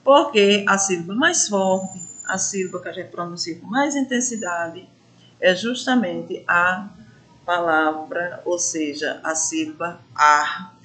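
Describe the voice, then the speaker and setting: A woman teacher talks through a lesson at an unhurried pace, her pitch swinging widely as she stretches syllables out to mark the stress. Her tone is bright, and she keeps turning to the class with questions. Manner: addresses pupils as gente, asks questions.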